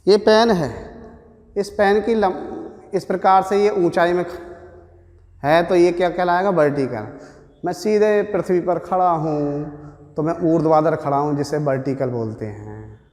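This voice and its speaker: A man's voice: on the high side, measured pace, a little mellow. A man with a Hindi accent teaching a physics lesson at a board, explaining step by step and answering his own questions. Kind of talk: classroom physics lecture at a board. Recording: echoey room with long reverb.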